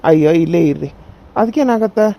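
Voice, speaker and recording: A calm small-town male doctor, voiced by a cartoon performer, soothing and matter-of-fact, with a North Karnataka Kannada accent. His tone is dark and mellow at a middle pitch. It has the feel of a cartoon serial. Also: quick pace, gravelly. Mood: reassuring.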